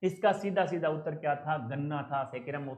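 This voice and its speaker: A man walks students through an exam answer key, repeating points and quizzing them. His voice sits fairly high. The room around him is echoey. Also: moderate pace, darkish tone. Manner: asks and answers own questions, repetitive drilling. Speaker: exam coaching teacher. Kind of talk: answer key explanation lesson.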